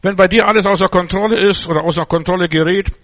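Fervent older preacher, slightly high voice. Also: male voice, fairly even intonation, a bit bright. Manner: fervent, repetitive, with halting restarts. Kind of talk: sermon.

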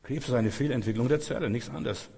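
A man's voice: mid-range voice, fast, vocal fry, warm tone, slightly rough. A man preaching a sermon in an earnest, repetitive way, speaking directly to his listeners. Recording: long echo of a large hall.

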